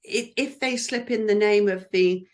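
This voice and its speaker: A woman talks about her work as a lip speaker. She is upbeat and encouraging, and she scatters "um" and "you know" through her speech. Her pitch sits at an ordinary middle level for a woman. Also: normal speed. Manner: chatty and encouraging, with frequent fillers. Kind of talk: careers advice interview.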